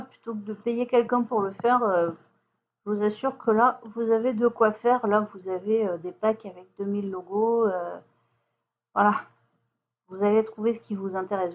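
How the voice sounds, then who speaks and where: Woman, mid-pitch, chatty tutorial host, slightly dull recording with faint hiss. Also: fairly even intonation, moderate pace. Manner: chatty, many fillers and restarts. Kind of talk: screen-share software walkthrough.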